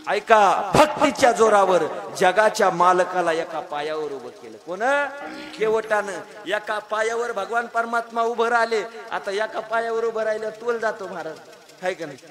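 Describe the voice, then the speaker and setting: A man's voice: sits high, moderate pace, fairly bright tone. A man preaching a comic devotional sermon, telling a story emphatically and calling out to the audience, into a handheld microphone. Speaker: kirtan preacher.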